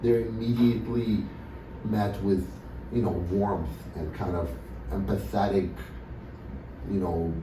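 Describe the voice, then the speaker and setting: Set back from the mic in a reverberant room, a very deep-voiced Russian man, a dentist appearing as an interview guest, gives halting, casual answers. He keeps saying "you know" and starting over while constant noise hums underneath.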